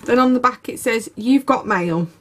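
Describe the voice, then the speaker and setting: A woman's voice: a little high, moderate pace. Gushing woman unboxing crafts. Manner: gushing, enthusiastic. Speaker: craft YouTuber. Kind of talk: unboxing video narration. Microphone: camera over tabletop, speaker off screen.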